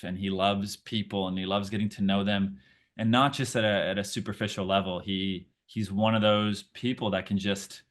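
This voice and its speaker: Thinking out loud as he talks, a Portuguese-speaking actor from Brazil fields interview questions in a warm, chatty manner. He has a fairly bright voice that sits on the low side.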